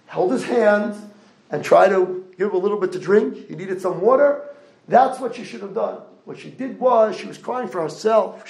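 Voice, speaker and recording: A man giving a Torah lecture, animated, asking the audience rhetorical questions. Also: high-pitched, creaky, reverberant, poor audio. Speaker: rabbi lecturer.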